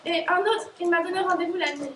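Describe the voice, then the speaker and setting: A woman's voice: very high voice, steady tone, fast, bright, forceful tone, a little hiss or hum. A teenage girl acting in a school stage play as a blunt, exhausted young working woman, recorded from far off in an echoey hall. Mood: dreamy. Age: teens. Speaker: high school stage actor.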